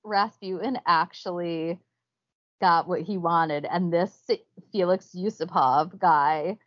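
A woman's voice: fairly low pitch, steady tone, takes it slowly, no room sound, lo-fi sound. A woman co-hosting a podcast in casual chat, reacting with laughs and filling her talk with "like". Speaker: podcast co-host.

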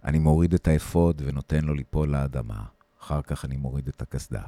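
With an extremely low voice and no echo, a man reads a short story aloud on a podcast. His intensity shifts throughout, and he raises his voice for the shouted lines.

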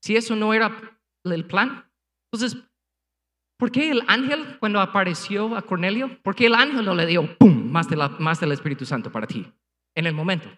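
A man's voice: high-pitched, moderate pace, a bit bright, big-room sound. A man preaching a sermon as pastor, speaking emphatically with rhetorical questions and punchy sound effects before a congregation. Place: church sanctuary before a congregation, also streamed online.

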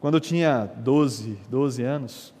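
Animated male preacher in a reverberant hall. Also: medium pitch, slow. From Brazil. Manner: animated, conversational preaching with storytelling. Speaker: pastor. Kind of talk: sermon.

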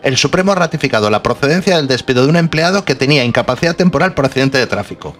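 A man's voice: mid-range voice, expressive, fairly bright tone, faint music behind. A man, co-hosting a podcast, wryly reading out odd news stories in casual comedic chat. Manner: fast, wry storyteller reading out odd news. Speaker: podcast co-host.

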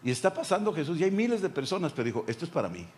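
A pastor preaching a sermon, speaking directly to the listener and acting out the voices of Bible figures. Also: male voice, fairly high pitch, big pitch swings, racing, darkish tone, slight background noise.

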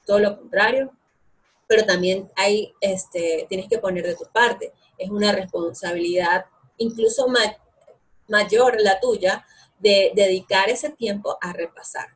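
Young woman, interview guest, husky, chatty, filler-heavy. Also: medium pitch, a little slow. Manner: chatty, animated, many fillers. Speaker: guest, English course co-founder. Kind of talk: casual interview answers.

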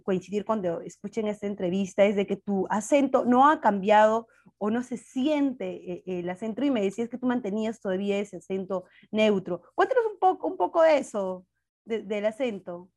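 A woman's voice: medium pitch, animated, moderate pace, darkish tone. A woman hosting an interview show, affectionate and laughing along with her guest. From Peru. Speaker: show host.

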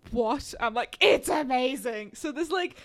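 A woman in her twenties from Slovakia chatting casually, animated and excitable, laughing often. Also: high voice, a little slow. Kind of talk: casual chat.

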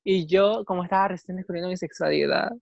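A man's voice: high-pitched, fast, gravelly. A young man with a Chilean accent tells a story among friends in casual chat, acting out the voices of the people in it. The sound is dull and lo-fi, and the room is dead and dry, with no echo. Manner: animated storyteller, acts out quoted voices.

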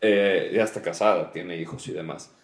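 A man's voice: low voice, fairly even intonation, normal speed. A young man with a Mexican Spanish accent co-hosting a podcast, telling stories in a laid-back way and laughing often. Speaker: podcast co-host. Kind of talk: casual chat. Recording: echoey room.

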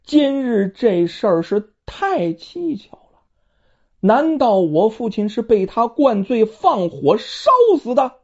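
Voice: mid-range voice, big pitch swings, slow pace, darkish tone, exaggerated voice. A storyteller voicing a grieving son who suspects foul play, with brooding, indignant questioning, in a dull, lo-fi recording. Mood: brooding suspicion.

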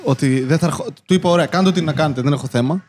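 A fairly high-voiced man, talking in quick, teasing banter with his friends. He hosts a casual chat recorded outdoors on city streets. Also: a little mellow, a little hiss or hum. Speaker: podcast host.

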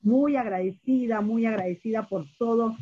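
A woman's voice: fairly high pitch, normal speed, warm tone, husky, dull audio. A woman from Peru with a Peruvian accent, talking conversationally, repeating phrases and often seeking agreement with tag questions. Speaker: journalist. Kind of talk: casual conversational interview.

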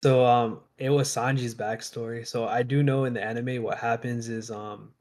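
A man giving his views in casual podcast chat, speaking in a measured, hesitant way with many ums. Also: medium pitch, fairly even intonation, a little mellow. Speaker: podcast guest.

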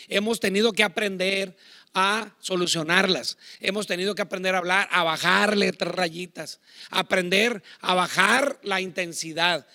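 A middle-aged man with a Mexican accent preaching a sermon on marriage, talking loudly in a chatty, digressive way with asides. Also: sits high, no echo, studio quality. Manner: loud, self-admittedly talks shouting. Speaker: pastor. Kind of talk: sermon on marriage to online viewers.

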